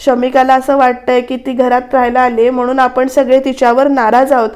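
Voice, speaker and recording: A woman's voice: high voice, little pitch movement, fairly quick, darkish tone. A woman giving a voice-over recap of a TV serial episode, retelling scenes and quoting the characters' lines in a conversational way. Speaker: TV serial reviewer.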